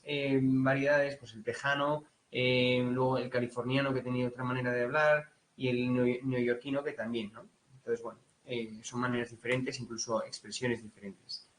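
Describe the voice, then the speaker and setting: A man with a Spanish accent giving a relaxed exam-prep lecture in Spanish, full of fillers and checks like "right?", now and then imitating English accents. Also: medium pitch, low-quality recording. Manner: casual, many fillers, mimics English accents. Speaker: teacher.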